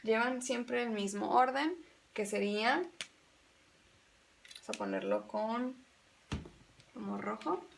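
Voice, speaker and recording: Gravelly-voiced woman teaching grammar. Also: fairly high pitch, takes it slowly, long pauses, slight background noise. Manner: patient, explains step by step, repeats examples; switches between Spanish and English. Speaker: English teacher. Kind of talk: bilingual grammar lesson.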